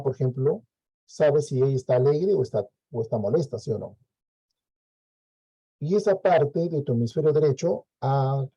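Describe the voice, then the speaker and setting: A Peruvian teacher lectures a class in Peruvian Spanish, explaining step by step and checking in with frequent "¿no?" tags. His voice is medium-pitched, mellow, and husky, with no echo on a rough recording.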